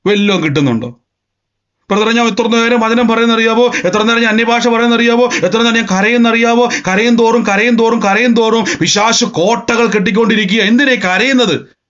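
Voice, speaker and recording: A man preaches a sermon emphatically in a very high-pitched, fairly bright voice, talking a little fast. He repeats phrases and acts out scenes, and the recording has a dull, lo-fi sound.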